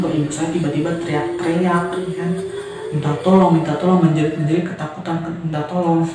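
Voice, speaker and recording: A man's voice: a little high, recorded from a distance. Man telling a horror tale in an echoey room. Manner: chatty, keeps asking "ya kan?" and addressing "guys". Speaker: horror storyteller. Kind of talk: casual horror storytelling.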